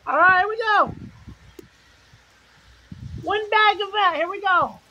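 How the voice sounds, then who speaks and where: A woman giving excitable live storm-chasing commentary in short, repeated exclamations. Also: very high-pitched, slow, lo-fi sound. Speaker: storm chaser livestreaming. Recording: noisy outdoor recording with rain and wind.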